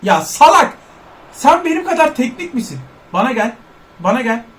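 A man giving loud, excitable gameplay commentary, joking in first person as an overweight footballer and cursing at his teammates. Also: very high voice, moderate pace. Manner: loud, excitable, trash-talks and curses at teammates. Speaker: gaming YouTuber.

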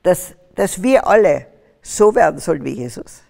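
An older woman from Austria, a guest in a testimony interview, tells of her faith with fervent, preaching intensity that swells into emphatic bursts. Her voice is lowish, creaky and darkish, very animated, at a moderate pace. She's on a curtained stage in a big, reverberant hall.

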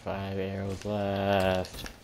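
A man's voice: sits low, completely flat delivery, drawn-out words, noisy background. A man gaming with a friend, teasing him and laughing often. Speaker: gamer. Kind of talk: casual game chat.

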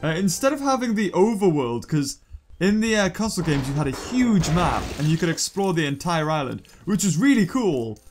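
Casual gaming commentator, young man, British accent, jokey and excitable, high lively voice over quiet music. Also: normal speed. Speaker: gaming YouTuber.

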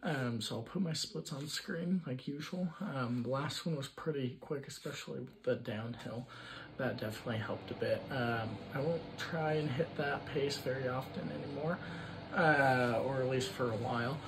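Guy in his 20s doing a laid out casual vlog recap indoors, average pitch, noisy audio. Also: normal speed. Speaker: running vlogger. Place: indoors in a room at home.

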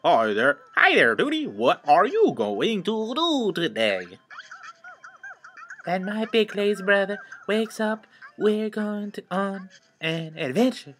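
A small, eager girl bear from a video game, speaking in a piping, excitable voice that sits far above a grown man's register. A man puts her on while reading the text boxes. She sounds bright and keen for an adventure. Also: takes it slowly, a little hiss or hum, exaggerated voice. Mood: cheerful. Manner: high, chirpy, pleading. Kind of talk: reading game dialogue aloud.

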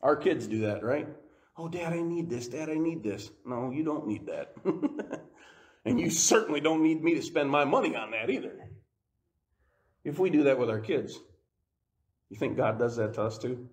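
A male pastor preaching a sermon, who laughs often and moves from quiet, low stretches up to rising, emphatic climaxes. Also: lively intonation, normal speed, long pauses.

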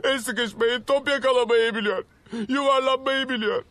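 An actor in a Turkish comedy film dub playing a distraught, melodramatic man, pleading and wailing in a gravelly voice. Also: very high-pitched, fairly even intonation, normal speed, pushed and bright. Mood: panicked pleading. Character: distraught, melodramatic man grieving over his dog.

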